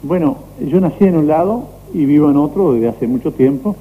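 A man's voice: fairly high pitch, expressive, moderate pace, a little hiss or hum. Uruguayan man, tinny radio interview voice. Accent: Uruguayan Spanish. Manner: friendly, chatty, uses fillers like "este". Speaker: astrologer guest. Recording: tinny phone-like radio recording.

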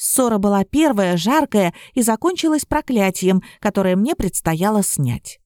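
A woman narrating a fairy tale in the first person, with a mellow, dark-toned voice and even delivery. The read is close and dry, with no room around it. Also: medium pitch, moderate pace, dry recording. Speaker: audiobook reader.

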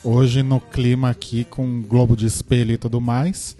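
A man hosts a relaxed radio chat in a mellow, dark-toned voice. He teases his co-host with a flamboyant flair, and faint music runs in the background. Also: mid-range voice, unhurried. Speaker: podcast host.

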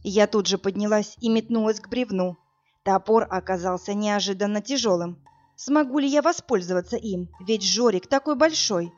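A woman's voice: medium pitch, normal speed, darkish tone, muffled recording, faint music behind. Woman narrating a crime audiobook. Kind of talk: first-person crime novel reading.

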